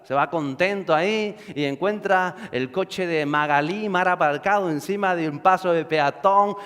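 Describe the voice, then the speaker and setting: Pastor preaching in a reverberant hall. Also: male voice, high voice, moderate pace, fairly bright tone, smooth. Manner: conversational, rhetorical questions, repetition. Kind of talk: sermon.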